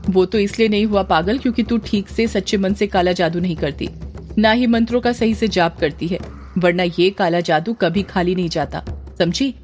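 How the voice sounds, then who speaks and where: A woman's voice: mid-range voice, moderate pace, a little mellow, slight background noise, natural voice. A woman doing a blunt, scolding village mother. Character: scheming sharp-tongued village mother.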